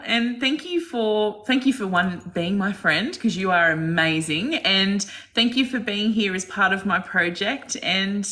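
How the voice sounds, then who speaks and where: A woman hosts a relaxed online chat show. Her voice is bright and forward, and she is affectionate, calling people darling and sweetheart. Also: medium pitch. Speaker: host. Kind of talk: casual chat.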